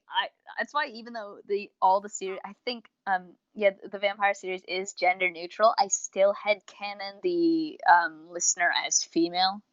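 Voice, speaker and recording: A mid-range female voice belongs to a talkative young podcast co-host and reviewer in a casual fan discussion. She rambles and tells stories animatedly, performing the quotes as she goes. The recording is dry and has a dull, lo-fi quality.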